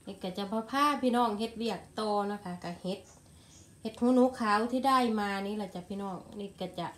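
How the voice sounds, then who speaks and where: A woman's voice: medium pitch, a little fast, a bit bright. A woman with an Isan accent, chatting casually to viewers as she forages for mushrooms outdoors, full of exclamations. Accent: Isan (Northeastern Thai). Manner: chatty, calls viewers "brothers and sisters", frequent exclamations. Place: outdoors in the countryside.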